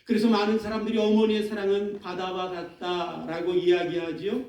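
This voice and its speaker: A man's voice: sits high, flat delivery, moderate pace, a little mellow. A man preaching a sermon as pastor, dramatic, acting out laments in a raised voice. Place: church sanctuary. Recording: echoey church hall, mic at a distance.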